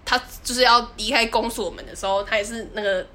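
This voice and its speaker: A woman's voice: fairly high pitch, fast, bright, forceful tone. A woman, co-hosting a podcast and animatedly telling a story, often laughing and acting out the people in it. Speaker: podcast co-host. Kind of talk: casual storytelling chat.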